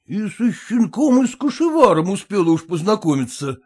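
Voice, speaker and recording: A man voicing a proud, fussy male yard dog in an audiobook, with a husky voice and a stern, indignant, deliberate manner. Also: high-pitched, big pitch swings, full character voice. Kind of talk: audiobook reading.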